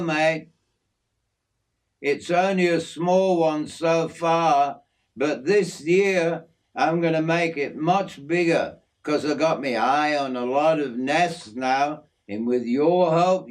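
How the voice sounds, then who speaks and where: A man voices a friendly, middle-aged Australian working bloke for a storybook, pitching a bit above his own natural voice with a broad, slangy, matey drawl. He speaks slowly and unhurriedly, proudly showing off his backyard like a storybook father.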